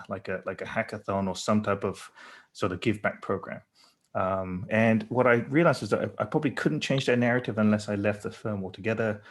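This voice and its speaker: A middle-aged company founder, born in Burma and raised in England, speaks with an English accent as a guest on a conversational panel. His voice is lowish, and he talks thoughtfully, often using fillers and restarting his sentences.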